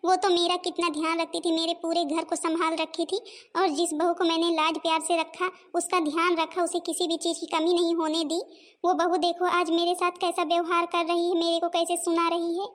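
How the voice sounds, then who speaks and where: Bossy older mother-in-law, voiced by a woman, high-pitched, scolds and complains. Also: flat delivery, normal speed. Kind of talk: cartoon voice acting.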